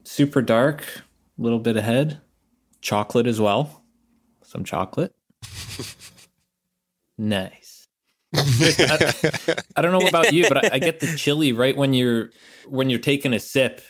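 A man's voice: mid-range voice, measured pace, pauses often. A man on a casual podcast from home over a remote call, describing the taste of a beer and hedging as he goes. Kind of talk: casual chat.

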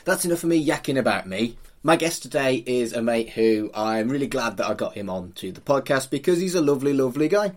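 Middle-aged man, very lively intonation. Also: medium pitch, brisk, few pauses. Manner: informal, teasing. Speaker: podcast host, funeral celebrant. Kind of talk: chatty podcast interview.

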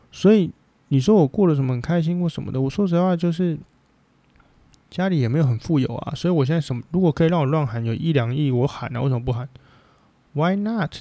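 A man with a Taiwanese Mandarin accent holds forth in a casual podcast chat, blunt and rambling, swearing without a second thought. His voice has a gravelly, mellow timbre. The sound is dry and close, with no room around it. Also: mid-range voice, no echo. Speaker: podcast host.

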